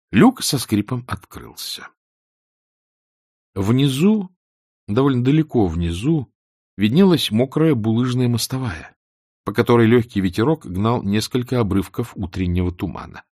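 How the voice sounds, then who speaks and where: A man narrating an audiobook in an expressive, varied reading. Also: mid-range voice, normal speed, slightly rough, no room sound, clean studio sound. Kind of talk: scripted narration.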